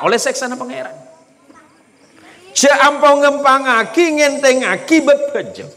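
Man, high-voiced, joking sermon, echoing mosque hall. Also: bright, forceful tone. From Indonesia. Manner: joking, mixes local dialect phrases, laughs often. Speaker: preacher. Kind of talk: humorous sermon.

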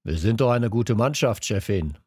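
A man reading a children's audiobook, voicing a brisk, rallying sports coach. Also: fairly low pitch, lively intonation, darkish tone, husky, no echo, clean studio sound.

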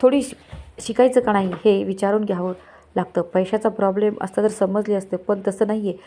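A woman's voice: mid-range voice, fairly even intonation, brisk, mellow, natural voice. A woman voicing a chatty young new bride. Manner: chatty, questioning. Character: cheerful young bride, newly married.

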